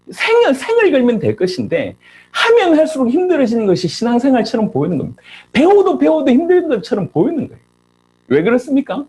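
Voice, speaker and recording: A middle-aged man preaching a sermon as a pastor, firing off rhetorical questions and rising sharply in pitch for emphasis. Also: darkish tone, slightly rough.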